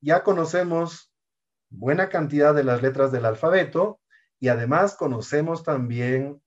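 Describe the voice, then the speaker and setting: A man giving a language lesson, slowly drilling words and syllables one by one. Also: fairly high pitch. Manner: slow, careful syllable-by-syllable pronunciation drills. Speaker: teacher. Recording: dull lo-fi recording.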